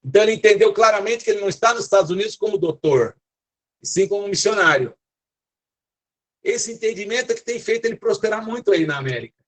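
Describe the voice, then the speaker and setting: An older man with a São Paulo accent preaches to a scattered congregation over a video call. His voice sits a little high for a man, and he exhorts earnestly, often checking in with his listeners. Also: lively intonation, fast. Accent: São Paulo Portuguese. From São Paulo, Brazil. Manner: earnest, exhorting, frequent tag questions. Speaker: apostle, guest preacher. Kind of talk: online church preaching.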